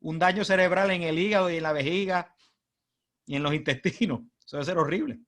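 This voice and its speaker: Chatty Puerto Rican man, slightly high voice. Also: brisk, fairly bright tone. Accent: Puerto Rican Spanish. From Puerto Rico. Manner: humorous, chatty, asks the audience rhetorical questions. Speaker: guest speaker at a club meeting. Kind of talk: informal presentation.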